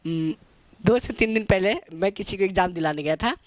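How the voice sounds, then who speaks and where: A man's voice: sits high, fairly quick, dry recording. A man teaching grammar in a playful, joking way, asking questions and answering them himself. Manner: asks questions and answers himself, calls viewers babu.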